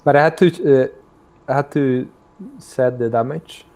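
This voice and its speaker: Excitable male player, mid pitch, loud and quick to shout. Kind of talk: casual tabletop game play.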